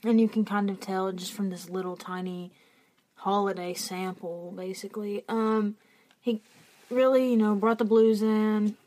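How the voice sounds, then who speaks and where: A woman co-hosting a podcast chats loosely and casually, laughing often and using lots of fillers. Her medium-pitched voice is mellow and steady, with a slightly slow pace.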